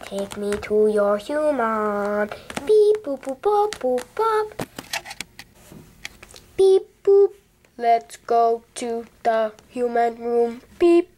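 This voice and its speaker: A teenage girl voicing a chirpy robot alien that talks in high beeps and boops. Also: expressive, drawn-out words, mellow, slight background noise. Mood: robotic. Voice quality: high, beeping, sing-song.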